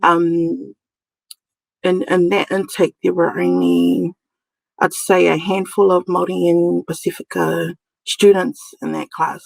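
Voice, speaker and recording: In a dry recording of poor quality, a middle-aged woman with a Samoan New Zealand accent shares stories informally and with giggles as a podcast guest; she is a community nurse. Her fairly low, gravelly voice has a darkish tone, a level delivery and an unhurried pace.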